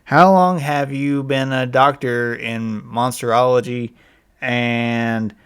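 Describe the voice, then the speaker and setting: A man with a cold hosting a casual comedic interview in a halting, folksy way. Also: medium pitch, steady tone, clear, resonant tone. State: has a cold. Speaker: podcast host.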